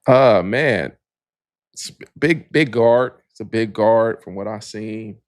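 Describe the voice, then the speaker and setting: Low-voiced man chatting about basketball. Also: slow pace, dry recording, clean studio sound. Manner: relaxed, rambling, frequent "you know". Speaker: podcast co-host. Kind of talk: casual sports podcast chat.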